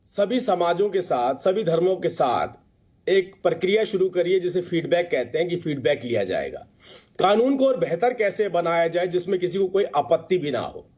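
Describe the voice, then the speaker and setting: A man's voice: high-pitched, a little mellow, breathy edge, highs cut off. A man arguing insistently as a guest on a TV panel debate, repeating rhetorical phrases over a remote link. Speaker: party spokesperson, debate guest.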